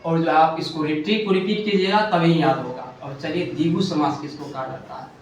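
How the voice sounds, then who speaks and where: A man's voice: on the high side, a little fast. Echoey man teaching grammar at a board. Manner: repetitive question-and-answer teaching, frequent self-corrections. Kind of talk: blackboard grammar lesson. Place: classroom with a board. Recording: very echoey room, distant mic, faint hiss.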